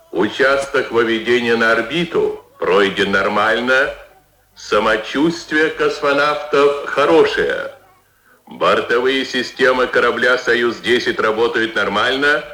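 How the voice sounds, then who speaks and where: Booming, solemn male state announcer, echoing. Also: pushed and bright. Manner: solemn, ceremonial, measured declamation. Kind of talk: solemn Soviet state radio announcement, scripted news reading. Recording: echoey archival Soviet radio broadcast.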